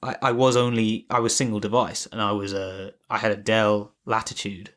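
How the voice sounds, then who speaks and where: A man's voice: fairly low pitch, little pitch movement, moderate pace, a bit bright. A man co-hosting a podcast, talking casually and rambling with many restarts and fillers. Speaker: podcast co-host. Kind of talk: casual tech chat.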